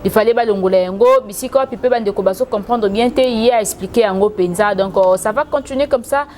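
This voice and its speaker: A woman hosting a talk show, giving brief acknowledgments and then a quick closing address to viewers. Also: mid-range voice, a little mellow, slight background noise.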